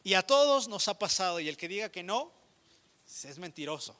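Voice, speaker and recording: Mexican pastor, male, high and piercing delivery, lively sermon to the congregation. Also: normal speed. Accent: Mexican Spanish. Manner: animated preaching addressing the congregation directly.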